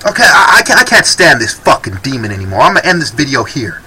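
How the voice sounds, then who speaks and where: High, lively man ranting heatedly. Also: fast talker, slightly rough, far from the mic, poor audio. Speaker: video commentator. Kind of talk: reacting to a clip with commentary.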